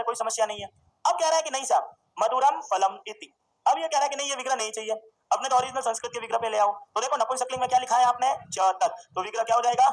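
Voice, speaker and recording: A man teaching a Sanskrit grammar class, drilling students with questions and slowly repeating forms. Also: very high-pitched, rough recording. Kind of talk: classroom lecture.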